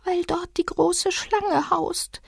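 Storybook figure: tiny frightened creature, high and hushed, slow. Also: female voice, expressive, no echo, clean studio sound. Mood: fearful. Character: small timid lost forest creature, gloomy and fearful.

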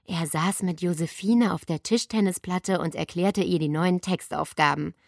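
A woman reading a children's book aloud with expressive storytelling. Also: fairly low pitch, normal speed, gravelly, no echo, studio quality. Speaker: audiobook reader.

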